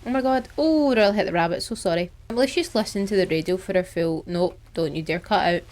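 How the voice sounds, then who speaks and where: A woman's voice: medium pitch, fairly quick, darkish tone. A young woman with a middle-range voice plays through a scary game on stream. She chatters anxiously to herself, breaking into gasps, yelps and nervous reassurances as she goes. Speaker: gaming streamer. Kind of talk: horror game let's play commentary.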